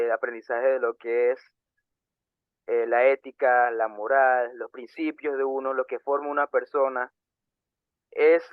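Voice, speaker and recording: A young man co-hosting a casual podcast, earnest and halting, with many fillers and restarts. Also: mid-range voice, no room sound. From Panama. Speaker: podcast co-host. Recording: tinny phone-like sound.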